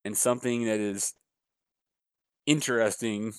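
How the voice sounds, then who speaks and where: Low-voiced man stammering through explanations. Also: fairly even intonation, measured pace, smooth, no room sound. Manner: stammering restarts, earnest explaining. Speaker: podcast co-host. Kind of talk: casual chat.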